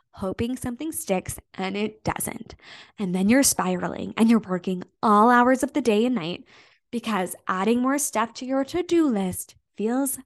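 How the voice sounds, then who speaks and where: A young adult woman hosting a solo podcast as a business coach, talking casually and emphatically, full of "like" and the odd swear word. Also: fairly high pitch.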